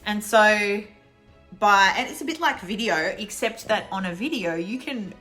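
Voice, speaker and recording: An Australian woman giving a casual online English lesson, chatty and laughing often, slowing down to repeat example phrases. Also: mid-range voice, lively intonation, bright, forceful tone, faint music behind. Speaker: English teacher.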